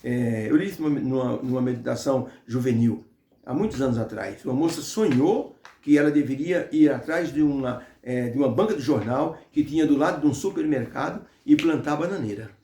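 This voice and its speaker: A man's voice: mid-range voice, a little fast, dark tone. A man teaching a Bible lesson through devotional storytelling, talking conversationally with frequent hesitations. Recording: roomy echo.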